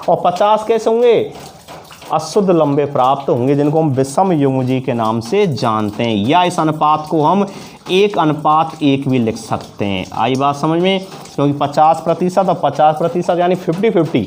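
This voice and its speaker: A man teaching a school science lesson, asking questions and answering them himself with steady repetition. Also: fairly high pitch, a little hiss or hum. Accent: Hindi-speaking north Indian. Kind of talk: classroom lesson with call-and-response questions.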